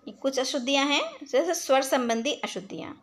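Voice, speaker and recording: A woman teaching a recorded class, her voice sitting high. She explains each point slowly, repeats it, and asks questions that she then answers herself. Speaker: school teacher.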